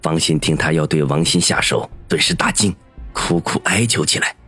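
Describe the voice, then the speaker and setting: A man narrating a story with steady storytelling in an audiobook. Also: extremely low pitch, normal speed, husky, soft background music. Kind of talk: scripted narration.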